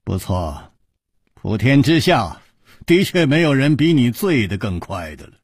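A man voicing a calm, witty young male hero in radio storytelling, composed and lightly teasing. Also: mid-range voice, a little slow, slightly rough, no echo, clean studio sound, full character voice.

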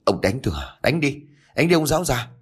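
A foul-mouthed, defiant young man snaps back at his elders in quick, sneering bursts, as a man reads him. His pitch jumps around a lot, and his voice sits low. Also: expressive, slightly rough. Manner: sneering, cursing, fast. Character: rude insolent young man, defiant son.

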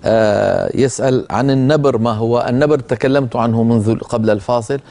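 Brief: man hosting a televised recitation lesson, mellow dark tone, patient and explanatory. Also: medium pitch, creaky. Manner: calm, explanatory, slows down to demonstrate pronunciation. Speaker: Quran recitation teacher and program host.

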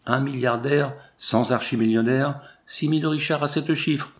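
A man reading a classic novel aloud in a measured, literary manner. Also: mid-range voice. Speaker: audiobook narrator.

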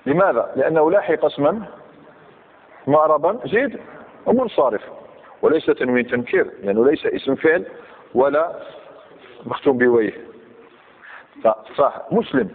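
A man teaching Arabic grammar questions his students and repeats each example as he lectures. His slightly high, breathy-edged voice moves lively up and down at a normal speed with frequent pauses. The recording is thin and phone-like, and birds can be heard cooing in the background.

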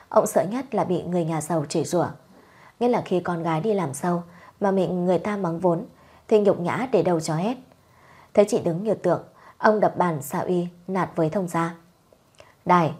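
A woman reads a story aloud in a steady, measured audiobook style. Her voice sits low and has a husky edge. The delivery stays even and unhurried.

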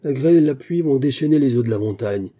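A man's voice: medium pitch, lively intonation, fast, voice pushed up, natural voice. A man voicing a jealous, furious young customs guard who sneers and threatens in a read-aloud story. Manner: sneering, menacing, loud.

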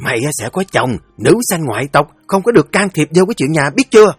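A woman's voice: low-pitched, very animated, fast talker, slightly rough, no echo, soft background music, heavily acted. A man voicing a fierce unmarried older sister, berating harshly. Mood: furious.

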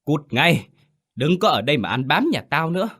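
A man voicing a spiteful, shrill old mother-in-law in a narrated folk tale. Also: big pitch swings, normal speed, a bit bright, slightly rough, exaggerated voice. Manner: shrill, biting.

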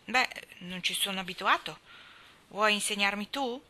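An earnest, rough-mannered teenage boy , as a woman reads him aloud in a storybook reading. He talks plainly, with a doubtful edge, in a very bright, clear tone. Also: mid-range voice, normal speed, slight background noise.

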